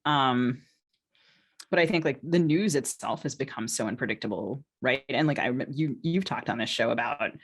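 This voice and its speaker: This woman has a husky bass voice and a moderate pace as she chats on a podcast she co-hosts, discussing writing as a novelist. She pokes fun at herself, keeps things informal, and often searches aloud for a phrase.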